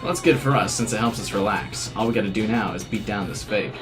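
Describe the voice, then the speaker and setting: A man's voice: lowish voice, quick pace. A man giving casual playthrough commentary, reading game narration aloud and reacting to it. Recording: game music behind.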